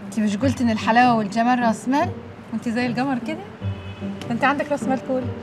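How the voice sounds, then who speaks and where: A woman's voice: on the high side, steady tone, racing, lightly acted. An actress playing a loyal female friend with an Egyptian accent, teasing and consoling. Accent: Egyptian Arabic. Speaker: film actress. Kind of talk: film comedy-drama acting. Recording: music score behind. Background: film score music.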